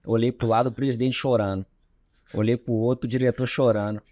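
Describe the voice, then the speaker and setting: A man, a podcast guest recounting a story in a relaxed, chatty way. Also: mid-range voice, quick pace. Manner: relaxed, chatty, says "cara" often. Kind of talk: casual storytelling interview.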